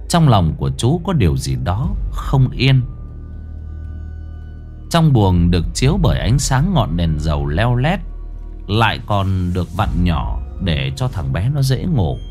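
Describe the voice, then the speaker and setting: Expressive male ghost-story narrator. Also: fairly low pitch. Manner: expressive, suspenseful.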